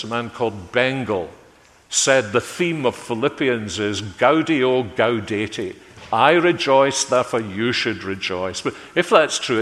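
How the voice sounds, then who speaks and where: A man delivers a sermon at an unhurried pace, his voice sitting in a middling register. He lets each phrase sink to a quiet close. The sound carries a long, ringing church reverb. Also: medium pitch. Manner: measured, lets phrases fall away quietly at their ends. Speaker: preacher.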